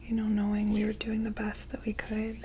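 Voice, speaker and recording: A woman in a whispered role-play as an ASMR energy healer, with an airy, breathy whisper and a gentle, soothing, mystical manner. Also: medium pitch, monotone, fairly quick, slight background noise.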